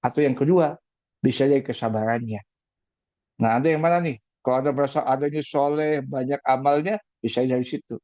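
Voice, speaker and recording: A male preacher giving an evening religious talk on married life. He speaks at a middle pitch, stays lively, puts questions to his audience and repeats his main points. The recording is dry and slightly muffled. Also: a little fast, no echo.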